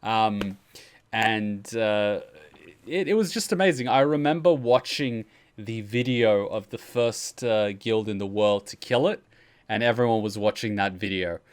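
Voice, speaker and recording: A man with a fairly low, smooth, unhurried voice hosts a reaction livestream. He offers casual commentary and chat, enthusiastic and swearing casually.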